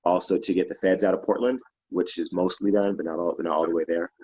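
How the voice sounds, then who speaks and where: A man with a deep, steady, warm voice and a breathy edge speaks quickly as a protest organizer in an online panel conversation. Over a muffled, echo-free video call recording, he lists demands matter-of-factly, restarting a few times.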